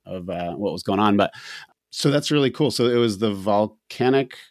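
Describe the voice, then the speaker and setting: A man hosting a podcast, talking casually and haltingly with many ums and uhs. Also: on the low side, animated, no room sound, clean studio sound. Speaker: podcast host.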